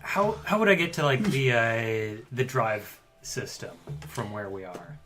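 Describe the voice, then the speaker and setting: Lively man at a tabletop game. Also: medium pitch, measured pace, soft background music. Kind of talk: casual banter and in-character play.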